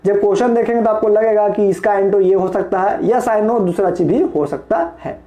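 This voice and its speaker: A man's voice: high-pitched, a little fast, dark tone, roomy sound. Patient male teacher spelling words aloud. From Bihar, India. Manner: patient, explanatory, spells words letter by letter, asks rhetorical questions. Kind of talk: classroom lesson explaining English vocabulary.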